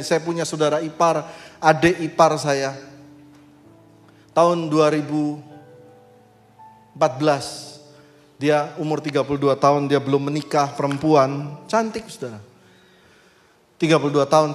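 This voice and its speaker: A male pastor preaching a sermon, voice surging high and loud on key phrases as he leads the congregation through scripture. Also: big-room sound. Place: church sanctuary.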